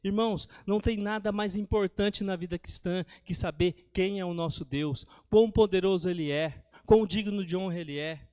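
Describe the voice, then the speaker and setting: A man's voice: sits high, moderate pace, few pauses, a little mellow, smooth, dry recording, clean studio sound. A man with a Brazilian accent preaching a sermon in church, telling stories and often calling his listeners brothers. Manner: storytelling, addresses listeners as brothers.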